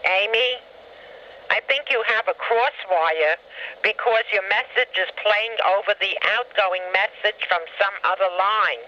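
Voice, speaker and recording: A woman's voice: medium pitch, sharp tone. An older woman leaving fussy, worried voicemail messages for her daughter, played back from an answering machine. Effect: answering machine voicemail playback. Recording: dull lo-fi answering machine tape, faint hiss.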